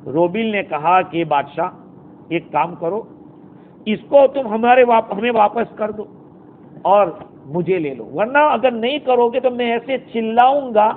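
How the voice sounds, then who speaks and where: A man giving a Quran commentary lecture, quoting Arabic verses and explaining them in a storytelling way. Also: sits high. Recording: tinny phone-like recording with faint noise.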